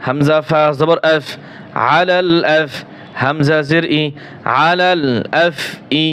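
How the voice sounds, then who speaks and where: A man with a Bangladeshi Bengali accent teaching Quran recitation, spelling the verses out letter by letter and chanting them slowly. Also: on the high side, steady tone, a bit bright, smooth. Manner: slow drawn-out chanting of verses between quick spelling drills.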